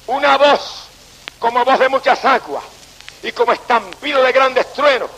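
An older man with a Puerto Rican Spanish accent, preaching an impassioned revival sermon, pleading with listeners and shouting out praises. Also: very high-pitched, unhurried, vocal fry, breathy edge, poor audio.

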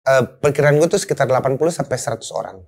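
A woman's voice: a bass voice, very fast, creaky, breathy edge. A woman guest telling a story in a casual interview, talking in slang, repeating words for emphasis and acting out her own thoughts. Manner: animated, acts out quoted thoughts.

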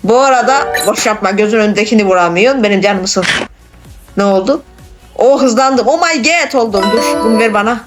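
A gaming channel host giving excitable, casual let's-play commentary, exclaiming and teasing a co-player. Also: medium pitch, brisk, music in the background.

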